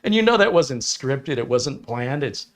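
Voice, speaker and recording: A man's voice: mid-range voice, sing-song, a little slow. A middle-aged man hosting a live stream, chatting casually and rambling through stories, acting out the lines he quotes in different voices. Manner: rambling storyteller who acts out quotes in voices. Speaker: live stream host reading chat. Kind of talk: casual chat.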